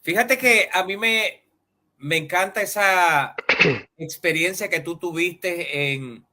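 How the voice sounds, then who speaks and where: A male interview host with a high, bright voice who speaks slowly. He frames his questions in a measured, formal way. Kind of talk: interview hosting.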